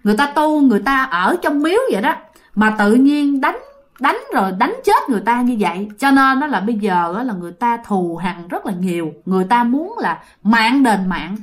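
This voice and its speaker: A woman's voice: a little high, fairly quick. A woman with a Southern Vietnamese accent telling a ghost story, speaking straight to her listeners. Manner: lively, addresses listeners directly.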